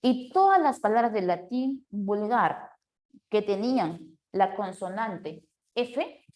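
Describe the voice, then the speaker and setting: A woman's voice: medium pitch, lively intonation, takes it slowly, a little mellow. A woman teaching a class, explaining step by step and often checking that the students follow along. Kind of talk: classroom lecture.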